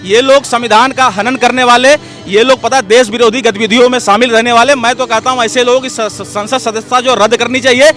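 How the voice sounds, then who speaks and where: A man's voice: very high-pitched, steady tone, a little fast, fairly bright tone, faint music behind. A man giving heated, combative political opinions as an interview guest, hammering his points and repeatedly calling for attention. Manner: emphatic, combative, keeps saying "look" and "listen".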